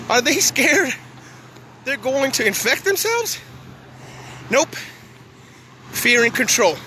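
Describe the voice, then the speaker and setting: Breathless, combative high-voiced Texan man. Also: pushed and bright. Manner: blunt and combative. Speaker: vlogger. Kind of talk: walking vlog. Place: outdoors at a park beside a long line of cars. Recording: faint street noise outdoors.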